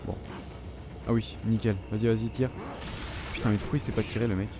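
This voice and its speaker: A man's voice: lowish voice, steady tone, fairly quick, music in the background. A French man commenting on his own gameplay, swearing and reacting as he plays. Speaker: gamer. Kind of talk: let's play commentary. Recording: noisy background.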